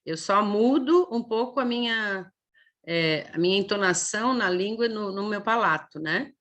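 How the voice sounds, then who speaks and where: A woman with a Brazilian Portuguese accent gives a lecture to teachers, explaining things patiently, tagging her sentences with "né?" and drawing sounds out slowly to demonstrate them. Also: medium pitch, animated, fairly bright tone, lo-fi sound. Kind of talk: online lecture.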